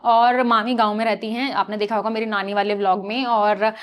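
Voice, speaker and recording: A young woman from Uttarakhand vlogging to camera, talking fast and chatty, rambling and correcting herself as she answers viewer questions. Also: medium pitch, level tone. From Uttarakhand, India. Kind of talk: casual chat to camera.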